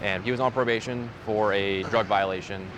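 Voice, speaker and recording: A man's voice: on the low side, steady tone, normal speed, background noise. A male police deputy recounting an incident in a matter-of-fact interview style.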